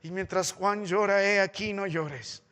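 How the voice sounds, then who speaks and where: A man with a Peruvian Spanish accent, preaching a sermon as pastor, with impassioned swings between loud exhortation and quiet consolation. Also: measured pace. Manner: impassioned preaching with sweeping pitch and loudness swings. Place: church sanctuary. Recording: church hall reverb.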